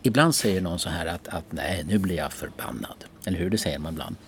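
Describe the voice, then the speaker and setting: A man's voice: low voice, a little hiss or hum. A man co-hosting a casual chat podcast, playful and teasing, who repeats himself for effect. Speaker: podcast co-host.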